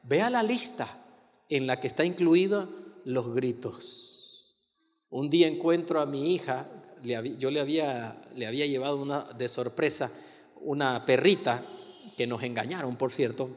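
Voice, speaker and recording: A male pastor preaching a sermon with emphatic stresses and soft slow asides, calling the congregation to repeat after him. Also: mid-range voice, big-room sound. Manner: invites the congregation to repeat lines.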